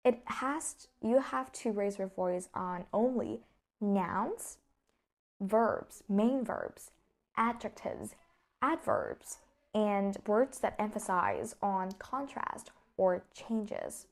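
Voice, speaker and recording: A woman's voice: medium pitch, big pitch swings, slow, gravelly. A young woman from Vietnam with a Vietnamese accent, a native Vietnamese speaker, explaining English pronunciation in a lesson and stressing key words as she demonstrates. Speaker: English teacher.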